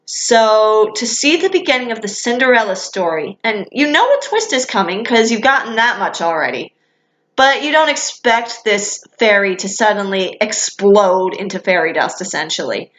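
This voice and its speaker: A woman's voice: mid-range voice, animated, moderate pace, fairly bright tone. A young woman, a vlogger, talking candidly and enthusiastically as a fan in casual commentary, with some casual swearing. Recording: echoey room.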